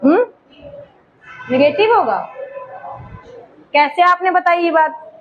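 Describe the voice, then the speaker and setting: A woman's voice: very high-pitched, animated, slow, dull audio, slight background noise. A woman teacher with an eastern Uttar Pradesh Hindi accent, teaching a chemistry class and coaxing students with teasing questions.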